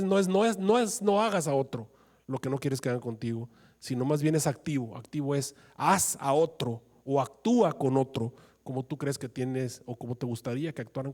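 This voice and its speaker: A man preaching a sermon as pastor, swinging from raised pleading to soft, low asides. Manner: preaching with sudden rises into pleading, acted quotes of prayer.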